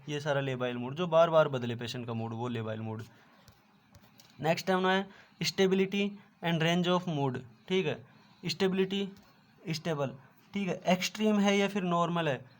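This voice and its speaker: A man teaching an online class, explaining step by step and often repeating filler words. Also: on the high side. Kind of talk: online lecture.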